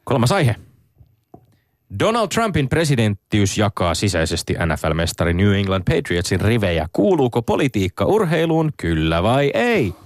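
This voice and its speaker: A man's voice: on the low side, wildly swooping pitch, dry recording, studio quality. A male co-host of a sports show, arguing insistently in a staged debate and talking over his opponent. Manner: argumentative, insistent, interrupts.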